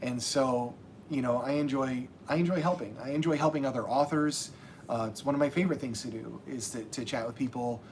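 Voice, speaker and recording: A man's voice: mid-range voice, a little fast, a little mellow, a little hiss or hum. A man hosting a casual livestream as a self-published author, talking in a rambling way with many restarts.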